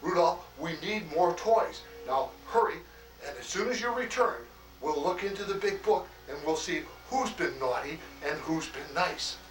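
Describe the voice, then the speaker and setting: A man playing a hearty, fatherly old Santa Claus in an acted greeting monologue, chuckling often and talking in a slow, homely way full of "oh" and "why". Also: fairly high pitch, expressive, echoey room, distant mic, soft background music, lightly acted, poor audio. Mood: jolly.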